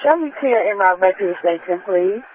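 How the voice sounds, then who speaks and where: A woman's voice: medium pitch, lively intonation, moderate pace, phone-quality sound. A woman in a field unit making a brief call to dispatch over police radio.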